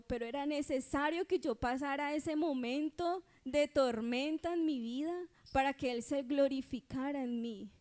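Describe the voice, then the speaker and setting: During a church sermon, a woman with a high, slightly mellow voice and a Colombian accent gives her testimony. She's earnest and conversational, often pausing to check that listeners are following.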